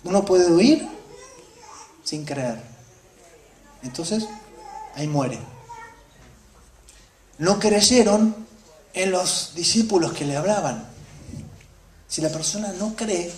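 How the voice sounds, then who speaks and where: A woman preaches, her voice rising and falling widely between ringing exclamations and hushed asides. She questions the congregation as she goes. The sound carries the echo of a roomy church hall. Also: lowish voice, animated, takes it slowly, long pauses, a little hiss or hum. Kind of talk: sermon.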